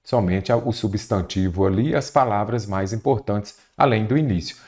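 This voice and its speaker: A man's voice: lowish voice, normal speed, darkish tone. A man teaching a Portuguese grammar exam-prep lesson, explaining step by step and often checking in with the viewer.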